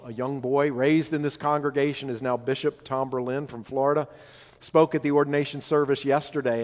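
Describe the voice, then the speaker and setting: Male pastor, mid-pitched, preaching in a chatty, storytelling way; long church reverb around him. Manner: conversational preaching, often asks "right?". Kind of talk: sermon. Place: church sanctuary.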